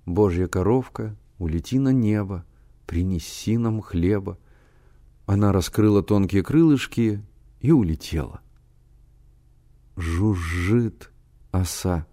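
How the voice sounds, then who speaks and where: A man reading a novel aloud as an audiobook narrator, calm and unhurried. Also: lowish voice.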